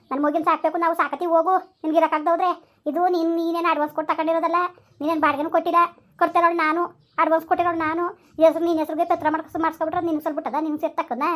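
Very high-voiced scolding woman. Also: a bit bright. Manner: scolding, cursing, repetitive rants. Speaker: angry mother and wife in a skit. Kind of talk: village comedy skit acting.

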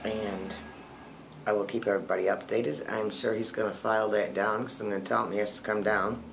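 A man talking casually in a home vlog while speaking with new dentures, his swollen mouth slurring his words a little, chatty and quick to laugh at himself. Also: lowish voice, little pitch movement, vocal fry, noisy background. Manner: chatty, self-mocking, laughs often. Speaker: vlogger.

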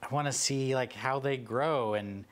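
A man's voice: medium pitch, unhurried, close to an everyday voice. An actor playing a cynical, sulky young man who complains and gets defensive. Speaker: lead character.

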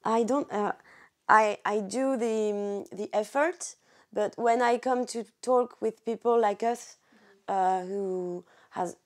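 A woman from France with a French accent, a podcast guest speaking in a halting, searching way. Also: medium pitch. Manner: hesitant, restarts often, searches for English words. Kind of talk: casual chat.

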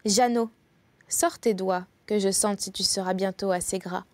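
A woman's voice: medium pitch, steady tone, moderate pace, a little mellow, natural voice. A woman voicing a wicked, greedy old witch who eats children, speaking sardonically. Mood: commanding. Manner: sneering, sardonic.

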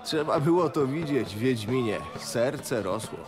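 An actor playing a hearty, talkative middle-aged innkeeper in a fantasy game, earthy and folksy. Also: male voice, medium pitch, animated, measured pace, lightly acted. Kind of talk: fantasy video game voice acting.

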